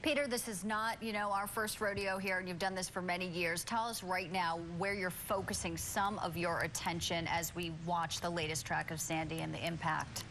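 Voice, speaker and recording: A woman's voice: on the low side, steady tone, moderate pace, hardly any pauses, a bit bright, a little hiss or hum. A woman anchoring live news coverage in a conversational style.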